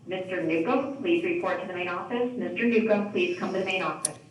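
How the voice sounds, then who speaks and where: A school office announcer makes a brisk, repeated paging call over the intercom, heard through a loudspeaker. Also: mid-range voice, animated. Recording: echoey, distant, very noisy intercom.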